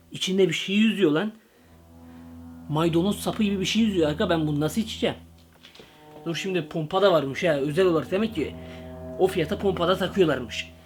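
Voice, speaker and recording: Jumpy, slangy young man vlogging. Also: sits high. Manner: excitable, slangy, jumpy asides. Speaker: comedy vlogger. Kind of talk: comedic parody vlog.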